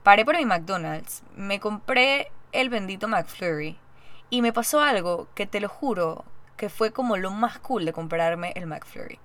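A young woman hosting a podcast, telling a story in a chatty, animated way and acting out the lines she quotes. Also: medium pitch, measured pace. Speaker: podcast host. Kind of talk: casual storytelling monologue.

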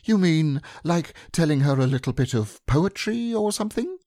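A man reading aloud and voicing a simple, gentle male teddy bear who muses slowly and hesitantly. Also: a little high, lively intonation, no echo, studio quality, pitched above the performer's own voice. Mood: musing. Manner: slow, musing, hesitant.

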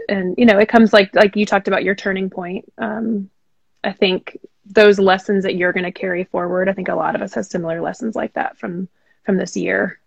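Woman podcast host, fry in her voice, affirming interviewer, dull lo-fi recording. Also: mid-range voice, no echo. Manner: encouraging, affirming listener. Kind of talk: casual interview chat.

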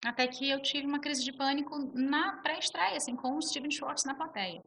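A woman's voice: sits high, normal speed, a bit bright. A woman with a Brazilian Portuguese accent, a musical theatre actress telling her story expressively in an interview.

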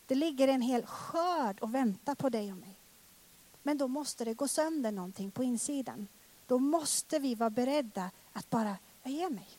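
A woman in her thirties preaching a personal testimony sermon, emotional and dramatic, swinging from loud exclamations to hushed words. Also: high-pitched.

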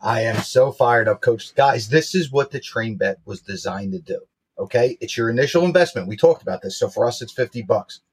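Husky, animated man pitching bets, brash. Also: brisk. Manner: brash, slangy, swearing bro talk. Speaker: sports betting show co-host.

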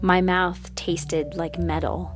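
A woman podcast host reading a personal story aloud in a measured, expressive storytelling way. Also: fairly low pitch, over music.

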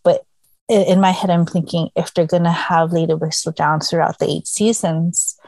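Woman co-host, lowish voice, kinda hesitant and musing, dry mic. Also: fairly even intonation, normal speed, vocal fry, darkish tone, no echo. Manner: hesitant, musing, filler-heavy. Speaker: podcast co-host. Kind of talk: casual fan chat.

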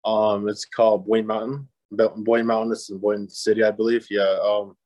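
A man raised in Japan, talking as a podcast guest in an easygoing, upbeat way with many pauses. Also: lowish voice, flat delivery, darkish tone, dry recording, low-quality recording. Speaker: podcast guest, disc golf player. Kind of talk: casual interview chat.

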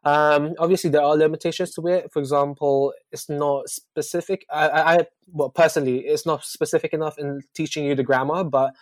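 A man in a casual chat about learning languages, talking with many pauses, ums and restarts. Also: a little high, steady tone, dry recording. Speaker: guest on a language-learning discussion.

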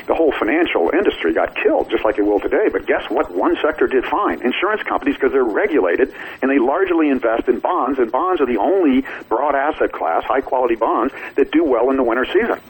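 Very fast-talking, emphatic male financial guest. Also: medium pitch, sing-song, breathy edge, low-quality recording. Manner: emphatic, blunt, colloquial. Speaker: financial author and newsletter publisher, interview guest. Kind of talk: casual radio interview commentary.

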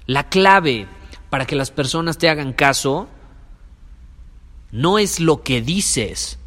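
A man's voice: mid-range voice, fairly bright tone, big-room sound. A man with a Mexican Spanish accent hosts a podcast as a sales coach, speaking with emphasis, preaching and repeating his key phrases. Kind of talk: motivational monologue.

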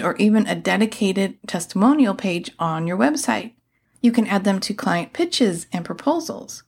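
A woman with a medium-pitched voice presents scripted podcast advice. Her delivery is upbeat and neatly organized, like an advice vlogger's. She keeps the phrasing casual and a little playful. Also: a little mellow. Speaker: podcast host and mentor for virtual assistants.

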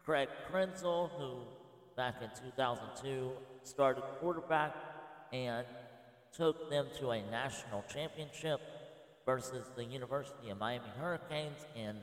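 Man talking with lots of pauses, echoey room. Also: medium pitch. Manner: rambling, many filler pauses. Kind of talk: casual spoken presentation. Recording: echoey room with long reverb.

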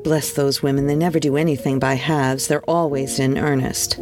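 A podcast host reading a classic holiday story aloud, measured and expressive with wry asides. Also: medium pitch, music in the background. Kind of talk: storybook narration.

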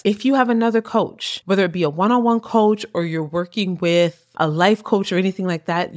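A woman who hosts a podcast and works as a business coach delivers an energetic, persuasive pitch. Her voice is slightly hoarse, and she ends lines with "right?".

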